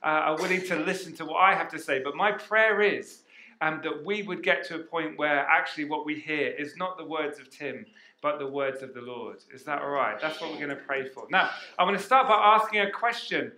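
A man preaching a sermon as pastor, energetic and questioning the congregation, on a headset mic in a church hall. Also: on the high side, fairly quick.

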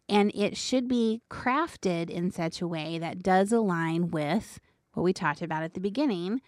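Female radio host, slightly low pitch, informal explainer of money matters, close dry studio sound. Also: no echo. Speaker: financial radio show host. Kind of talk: conversational financial advice broadcast.

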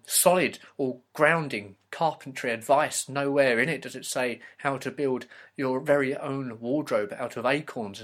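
Brief: male comedian, rambling improvised monologue, halting, mid-pitched voice. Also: fairly bright tone. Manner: rambling, absurd, halting with fillers.

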